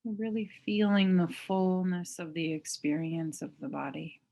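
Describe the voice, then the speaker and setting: Gently and at a very slow pace, a woman with a low-sitting, creaky voice guides a meditation in a level tone. Long pauses separate her phrases, much like a mindfulness teacher giving instructions.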